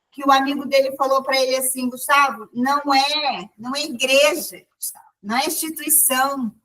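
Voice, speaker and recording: A woman's voice: high-pitched, a bit bright, distant mic, rough recording. A woman sharing a spiritual testimony at a group meeting, telling it with many restarts and quoted dialogue.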